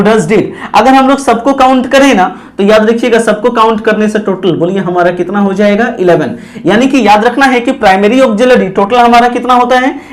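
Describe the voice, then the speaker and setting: A man teaching a grammar lesson at a board, repeating points and quizzing students with call-and-response. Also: very high voice. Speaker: English teacher. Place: classroom with a board.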